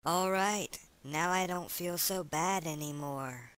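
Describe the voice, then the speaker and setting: A man's voice: fairly high pitch, slow pace, fairly bright tone, clean tone. A man voicing a blunt male alien pirate.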